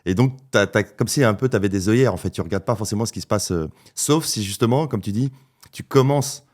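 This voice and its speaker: A man with a lowish voice chats on a podcast at a studio microphone. He is agreeable and hesitant, padding his sentences with fillers and repeating words as he searches for them. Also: a little fast, a little mellow. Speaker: podcast co-host. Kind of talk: casual podcast conversation.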